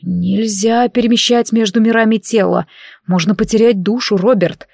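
A woman voicing a stern male superior mage who answers in quick, curt replies. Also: medium pitch, gravelly, a little mellow, no echo, studio quality.

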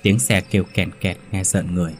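A man narrating a ghost story in a steady, measured reading voice. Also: low-pitched, soft background music.

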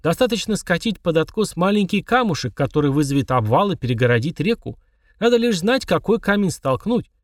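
A man's voice: high voice, sing-song, no echo, clean studio sound, voice pushed up. Tekui, a man voicing a solemn old dwarf elder. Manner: solemn, unhurried, proverb-like speech. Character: wise gentle old male dwarf elder.

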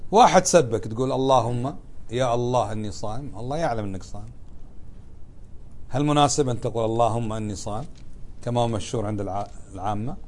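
A man's voice: mid-range voice, quick pace, a little mellow. Man giving a religious lesson, questioning students. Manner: asks students questions and answers them, conversational. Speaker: sheikh teaching a lesson. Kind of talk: classroom religious lesson explaining a text.

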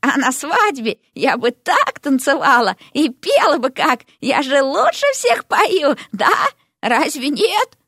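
A woman voicing a vain, dreamy young female frog who boasts and croaks in an audiobook. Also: sits high, very animated, takes it slowly, fairly bright tone, no echo, clean studio sound, pitched above the performer's own voice, exaggerated voice. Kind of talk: audiobook character voice.

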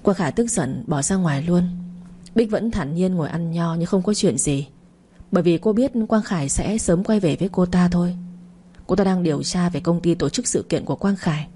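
A woman narrating a dramatic family story in a steady, scripted reading. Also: lowish voice, moderate pace, husky.

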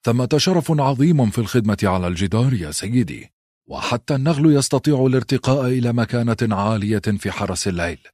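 A male narrator voicing a calm old male advisor who speaks in a measured, persuasive way. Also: medium pitch, no room sound, clean studio sound, pitched above the performer's own voice, close to an everyday voice.

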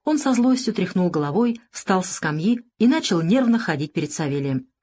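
A woman narrating a crime novel audiobook in an expressive storytelling manner. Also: on the low side, a little fast, breathy edge.

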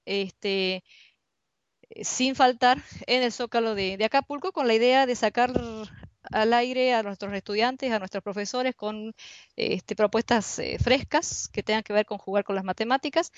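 This woman's voice is fairly high and dry, with no room sound. She has an Argentine accent and is a university researcher giving a conversational online seminar talk, pausing to search for words. The dull, lo-fi audio comes from her computer mic on a video call.

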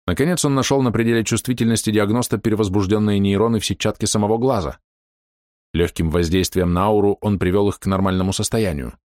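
A man narrating an audiobook in an even, steady reading. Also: deep voice, no room sound, clean studio sound. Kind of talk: scripted narration.

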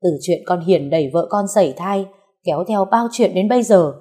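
Storybook: earnest young husband, firm and pleading, voiced by a woman reader, low and mellow. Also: animated, a little fast. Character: earnest young husband defending his wife.

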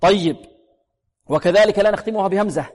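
A man teaching Quran recitation rules. He draws out each example word slowly, repeats it many times, and asks questions that he then answers himself. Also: sits high, darkish tone, long reverb tail. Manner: slow, drawn-out demonstrations of words, repeated many times. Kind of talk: tajweed lesson with recited examples.

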